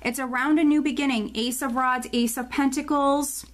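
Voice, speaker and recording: A fairly high-voiced woman talks through a monthly tarot reading, often short of breath. She rambles, circles back and restarts her sentences. The delivery is loose and casual, full of fillers. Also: steady tone, normal speed. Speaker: tarot reader.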